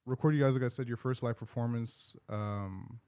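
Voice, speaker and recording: A man's voice: mid-range voice, fairly even intonation, moderate pace, mellow, clean tone. A man, hosting a casual podcast interview, rambling and laid-back with many fillers. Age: late 20s. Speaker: podcast host.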